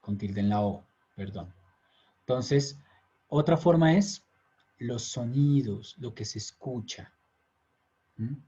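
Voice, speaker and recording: A man's voice: mid-range voice, slow pace, long pauses, dark tone, husky. A man giving a conversational lecture, often checking in with his listeners. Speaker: teacher. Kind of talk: recorded lecture. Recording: dull lo-fi lecture recording.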